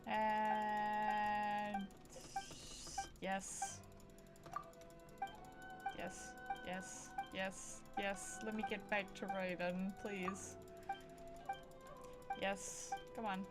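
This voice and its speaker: A woman streams a video game with casual commentary, playfully muttering short asides to herself. Her mid-range voice is very animated but very slow, with frequent pauses. Game music plays under her voice.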